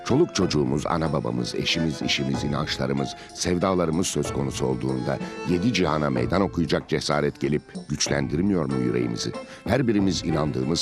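A man presenting a TV programme with dramatic scripted narration in theatrical, emphatic, rhetorical phrasing. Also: very deep voice. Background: music.

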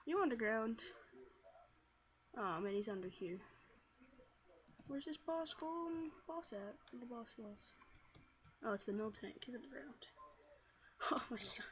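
A woman hosting a gaming video, excitably commenting on her battles and shouting commands at her team. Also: fairly high pitch, measured pace, pauses often. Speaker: gaming channel host. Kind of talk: Let's Play commentary. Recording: dull lo-fi mic with faint noise.

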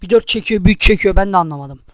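A young man with a very high voice rages and swears through his gameplay commentary. His recording is close and dry, with no room sound around it. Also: rapid-fire, dry recording. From Turkey. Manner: angry, cursing, taunting. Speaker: gamer.

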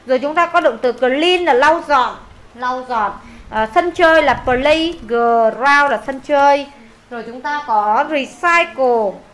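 A woman's voice: sits high, fairly bright tone. A Vietnamese woman teaching an English lesson in a classroom, reading lines aloud, translating them and drilling vocabulary with repetition.

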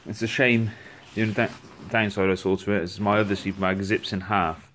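A man's voice: on the low side, a little fast, slight background noise. Man giving a chatty gear walkthrough. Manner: chatty, relaxed, with frequent restarts. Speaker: gear reviewer. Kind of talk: casual product walkthrough. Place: indoors at home, on a rug.

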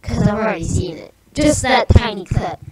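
Excitable woman through a robot voice changer. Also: medium pitch. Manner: excitable, chatty, quick to exclaim. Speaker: video creator reacting to an animation. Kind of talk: casual reaction commentary. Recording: echoey room, distant mic, music behind.

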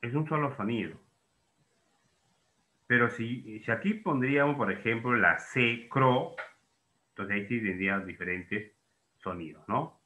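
A man's voice: medium pitch, unhurried, pauses often, bright, forceful tone, roomy sound. A man teaching a lesson, asking and answering his own questions and putting students' doubts into words. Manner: explains in questions, voicing students' doubts himself. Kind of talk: classroom lesson.

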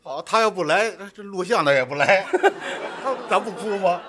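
A man performing crosstalk comedy on a theater stage, teasing his partner in a punchy, lively way. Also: high-pitched, normal speed, a little hiss or hum. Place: theater stage before a live audience.

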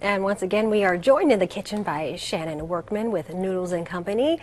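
A woman's voice: medium pitch, fairly quick, darkish tone. A woman hosting a morning TV cooking segment in a kitchen, chatty and enthusiastic. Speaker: TV host. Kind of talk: morning TV interview. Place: restaurant kitchen. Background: food sizzling on the stove.

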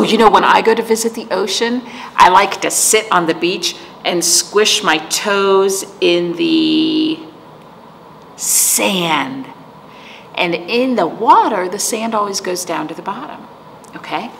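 With a medium-pitched, fairly bright voice and a slow pace, a middle-aged woman runs storytime, explaining things to young children and questioning them frequently. The setting is an indoor library room with a decorated wall, echoey and carrying clear background noise.

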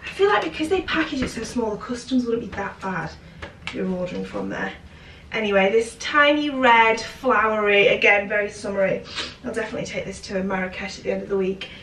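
A British woman in her twenties, a fashion vlogger with a cold-stuffed voice, talks a little fast in a mid-range tone, chatty and upbeat, thinking aloud while unpacking shopping and a parcel in her kitchen. The camera mic sits at a distance, so the sound is echoey with loud noise.

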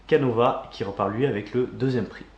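A man co-hosting a casual magic news show, presenting items in a steady, informative way. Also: medium pitch, brisk, gravelly, reverberant, lo-fi sound. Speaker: co-host.

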